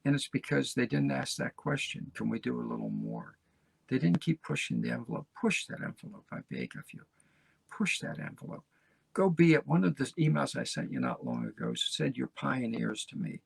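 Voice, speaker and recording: A gravelly, husky man in his seventies, talking in a folksy, rambling way and urging his listeners on. His pitch swings widely, and the recording is close and dry. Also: huge pitch swings, normal speed, no room sound. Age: 70s. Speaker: podcast host. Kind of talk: motivational casual talk.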